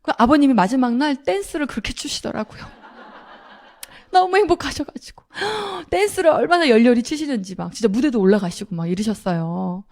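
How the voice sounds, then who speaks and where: Middle-aged woman, higher-pitched, animated storyteller addressing a seminar crowd, acts out the quoted lines. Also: normal speed. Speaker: speaker at a sales seminar. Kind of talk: storytelling talk to an audience.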